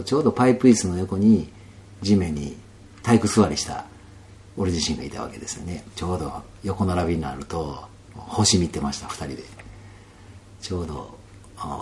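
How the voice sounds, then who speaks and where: A man with a Kansai accent telling a personal story in a casual interview, animated and laughing often, sometimes dropping to soft asides. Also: low-pitched, fairly quick, a little hiss or hum. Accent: Kansai Japanese.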